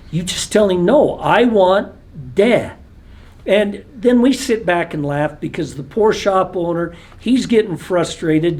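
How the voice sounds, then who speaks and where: An American man telling casual stories about his own slip-ups, chatty and relaxed, with lots of fillers. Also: high-pitched. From United States. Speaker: vlogger. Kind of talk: casual storytelling.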